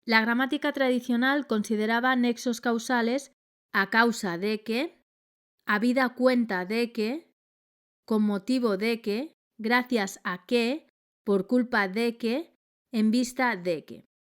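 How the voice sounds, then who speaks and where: A woman reading a scripted grammar lesson in a measured, clear delivery. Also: on the high side. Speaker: grammar teacher.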